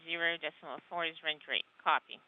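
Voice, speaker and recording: A spacecraft crew member calling out range numbers in clipped radio procedure, halting with many pauses, heard over a crackly space-to-ground radio link. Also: mid-range voice, steady tone. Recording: tinny radio downlink with faint noise.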